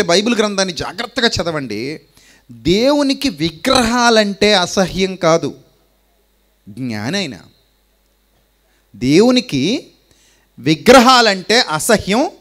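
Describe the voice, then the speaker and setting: A man's voice: sits high, a bit bright. A man with a Telugu accent preaching a sermon. He asks rhetorical questions and repeats lines for emphasis.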